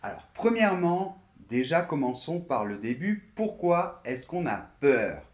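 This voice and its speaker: Slow, lively-voiced French teacher man. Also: a little high, muffled recording. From France. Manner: slow, clearly articulated teaching, addressing viewer directly. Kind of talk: video lesson to learners.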